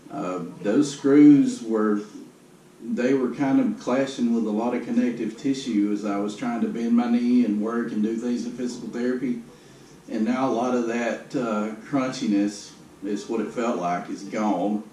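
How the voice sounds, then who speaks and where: A man with a mellow, relaxed tone gives a casual, matter-of-fact personal update, sounding downbeat and resigned. He is picked up from a distance in a roomy space, with faint noise behind him. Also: medium pitch, a little slow. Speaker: vlogger giving a personal health update. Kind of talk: casual spoken video update. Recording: roomy, noisy, distant camera microphone.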